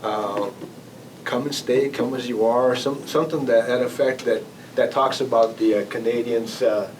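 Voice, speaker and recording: This former air traffic control manager speaks at an average pitch with fairly even intonation during an informal club talk that includes audience questions. He's halting and conversational, often rephrasing and repeating words, and he is recorded on a distant mic in a noisy meeting room.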